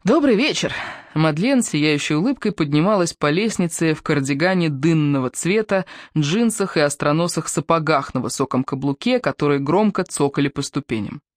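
A woman narrating an audiobook in an even, measured storytelling manner. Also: sits low, dry recording, clean studio sound. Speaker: audiobook reader. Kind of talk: scripted narration.

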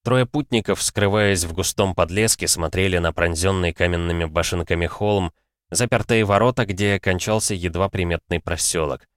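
Male audiobook narrator, measured and even; low, dry voice. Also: no room sound. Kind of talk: scripted fantasy narration.

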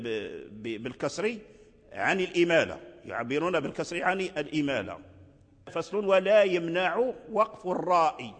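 A man's voice: on the high side, in a large hall. A man teaching Quranic recitation rules in a religious lecture, explaining patiently and repeating words, drawing out example words in a recitation tone.

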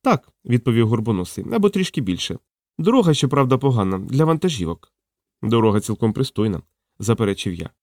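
A man narrating an audiobook in an expressive, animated reading, voicing the dialogue himself. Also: medium pitch, fairly quick, dry recording. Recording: dry close studio sound.

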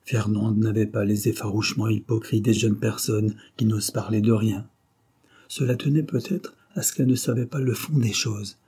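Husky, dark-voiced male audiobook narrator. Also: fairly low pitch, steady tone, normal speed. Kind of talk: scripted narration.

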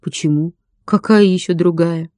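A woman's voice: fairly low pitch, normal speed, mellow, dry recording, studio quality, close to an everyday voice. A woman voicing a stubborn, whiny young boy nursing a hurt knee, talking in a sulky, pleading way. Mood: eager.

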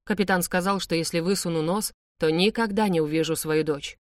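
A woman's voice: on the low side, brisk, no echo, studio quality, natural voice. A woman playing a sobbing, begging man. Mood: pleading. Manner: tearful, begging, whispery. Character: desperate middle-aged man, sobbing and pleading.

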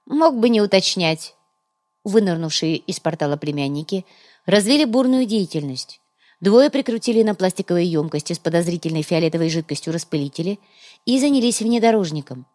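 Woman narrating an audiobook, lower voice. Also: expressive, a little fast, dark tone. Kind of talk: scripted narration.

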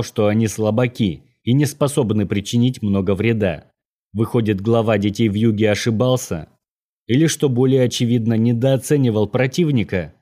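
A man's voice: on the low side, dark tone. A man reading a first-person story as audiobook narrator, with a wry, sardonic manner.

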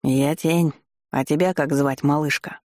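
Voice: steady tone, measured pace, darkish tone, no echo, clean studio sound, close to an everyday voice. A reader doing a coarse thug exile. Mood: leering. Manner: coarse, slangy and shrill when hurt. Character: crude male outlaw exile, boastful thug. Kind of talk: audiobook reading.

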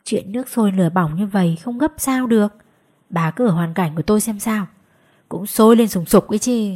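A woman voicing a hurried middle-aged father in a spoken ghost story. Her voice is husky and urgent. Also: medium pitch, dark tone, lightly acted.

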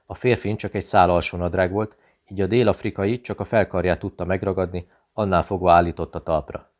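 A man narrating a thriller audiobook in a steady, measured reading voice, lifting his voice for shouted lines. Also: low voice, highs cut off.

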